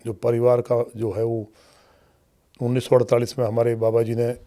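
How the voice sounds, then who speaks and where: A man speaking as a politician guest on a podcast. He tells his story at length in a measured, steady way and refers to other leaders with formal honorifics. His voice sits at an ordinary middle pitch. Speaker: politician guest, state legislator. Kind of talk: long-form podcast interview answers.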